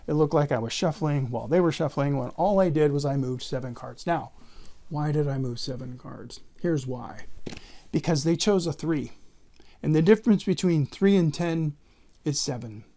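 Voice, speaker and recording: A man's voice: fairly high pitch, darkish tone. A man talking in casual card magician patter, explaining and counting aloud step by step like a tutorial presenter.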